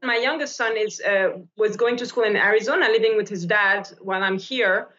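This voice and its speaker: A woman from Switzerland in her forties, an actress talking on a video call, pausing and repeating words as she thinks. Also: mid-range voice, a bit bright. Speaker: actress guest. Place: bright room indoors by a window. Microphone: laptop camera on video call. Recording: dull lo-fi video call audio.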